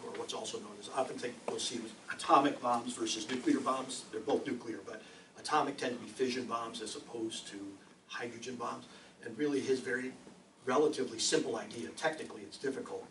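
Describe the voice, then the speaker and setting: A man, a science teacher, giving a casual, jokey lecture with many ums and rhetorical questions. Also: on the low side. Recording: roomy echo, distant mic, faint noise.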